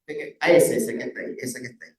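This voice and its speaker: A man's voice: mid-range voice, rapid-fire, darkish tone, echoey room. A man teaching a Bible study lesson from slides. He explains step by step and keeps checking with his listeners.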